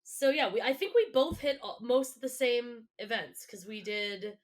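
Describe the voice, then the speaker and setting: A woman's voice: on the high side, moderate pace. A woman chatting casually as a podcast guest, with a congested, swallowed, froggy voice and a slangy, self-interrupting way of talking. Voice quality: congested, froggy voice with occasional coughs. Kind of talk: casual chat.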